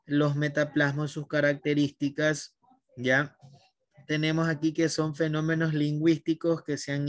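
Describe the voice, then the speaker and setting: A man's voice: on the high side, no echo, studio quality. A man teaching a language class online, patiently guiding his students by name.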